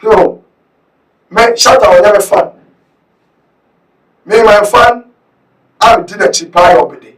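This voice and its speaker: A man with a Ghanaian English accent giving heated political commentary, often shouting and slipping between English and Twi. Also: high voice, unhurried, long pauses, echoey room, recorded from a distance, low-quality recording.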